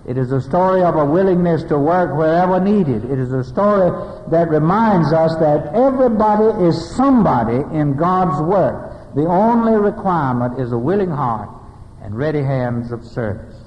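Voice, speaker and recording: An older man preaching a sermon, telling stories with deliberate pauses and ending in prayer. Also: on the high side, expressive. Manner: storytelling preacher, dramatic pauses, closing prayer. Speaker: pastor. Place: church sanctuary. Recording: dull lo-fi recording with long church reverb.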